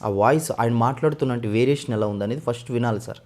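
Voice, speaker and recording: Fast-talking man telling his story. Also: medium pitch. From West Godavari, Andhra Pradesh. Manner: fast, animated storytelling with frequent sir. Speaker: mimicry artist guest. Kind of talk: casual interview talk.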